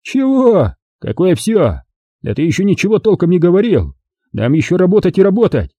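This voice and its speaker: A man voicing a brutal, loud army brigade commander who talks harshly and threateningly in an audiobook. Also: high voice, sing-song, normal speed, no room sound, pitched above the performer's own voice. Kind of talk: audiobook character voice.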